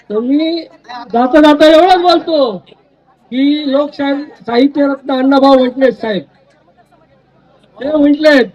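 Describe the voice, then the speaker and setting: A man speaking as a grassroots activist at an outdoor protest rally, giving a fiery speech and leading the crowd in shouted slogans. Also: extremely high pitch, far from the mic, lo-fi sound. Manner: shouts slogans and leads crowd call-and-response.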